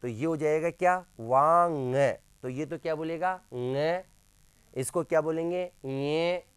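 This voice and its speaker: Leading students through grammar, this male teacher quizzes them again and again and repeats sounds slowly. His voice is a little high, smooth and somewhat dark in tone, with no room sound at all.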